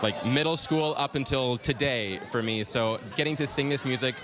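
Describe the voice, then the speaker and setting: A man's voice: medium pitch, normal speed, a crowd in the background. A man stage actor in an interview, talking casually with fillers. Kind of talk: news interview.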